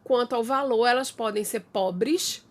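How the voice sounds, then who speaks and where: A woman's voice: on the high side, unhurried. A woman teaching a lesson on poetry, patiently repeating examples and checking understanding with tag questions.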